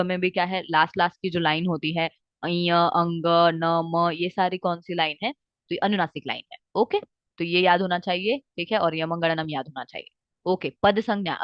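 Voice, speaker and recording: A woman's voice: lowish voice, no room sound, lo-fi sound. Woman teacher drilling Sanskrit grammar. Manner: checks often with "ठीक है" and "आ गई बात समझ में?"; mixes English words into Hindi. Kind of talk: exam-focused lecture.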